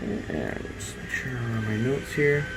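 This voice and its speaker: This IT installer's voice is mid-range, sing-song and creaky, and he talks at a measured pace on a very noisy recording. He walks through a software task on screen step by step, unscripted and informal, musing aloud while he works.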